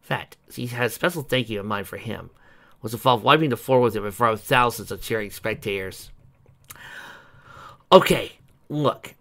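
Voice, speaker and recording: A man narrating a fan fiction story aloud in an expressive storytelling manner. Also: lowish voice, fairly quick. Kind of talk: fan fiction audiobook reading.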